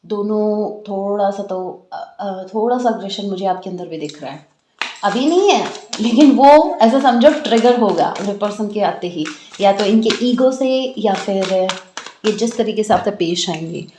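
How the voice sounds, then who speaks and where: An Indian woman talks viewers through a tarot reading in a chatty, lively way, clearing a slightly sore throat as she goes. Her voice carries a noticeable room echo, with faint noise behind her. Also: medium pitch, a little slow. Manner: chatty, animated, addresses viewers as guys. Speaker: tarot reader. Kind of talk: casual tarot reading to camera.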